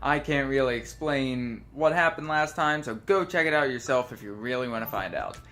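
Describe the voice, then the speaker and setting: A man's voice: mid-range voice, animated, moderate pace, fairly bright tone. A man giving casual let's play commentary on a video game, recorded in an attic. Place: attic, open space. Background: game music.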